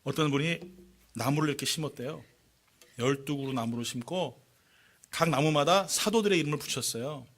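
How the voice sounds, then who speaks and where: A male pastor preaching a lively, joking sermon in church, often calling out questions to the congregation. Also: a little high, a little fast. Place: church sanctuary.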